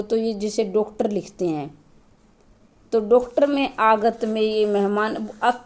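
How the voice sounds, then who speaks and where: A woman teacher giving a grammar lesson, explaining step by step, asking and answering her own questions, and repeating key points to her students. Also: a little high. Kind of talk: classroom-style grammar lesson.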